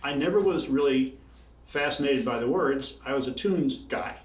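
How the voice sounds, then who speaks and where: A banjo player in his sixties from Bloomington, Indiana tells rambling, chatty stories between tunes at a house concert in a living room, adding chuckling asides. His medium-pitched voice moves at a moderate pace. A far camera in the room picks it up, so the sound is roomy and distant with faint room noise.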